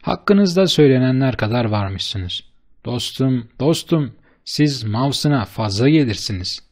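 A man voicing an eager, flattering bearded businessman who speaks with emphatic enthusiasm in an audiobook. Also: medium pitch, measured pace. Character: eager, fast-talking bearded businessman, middle-aged man.

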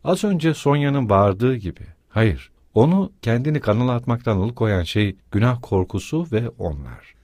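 Husky man reading a novel aloud. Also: mid-range voice, animated, normal speed, few pauses, a little mellow, no room sound, studio quality. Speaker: audiobook narrator. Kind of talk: literary audiobook reading.

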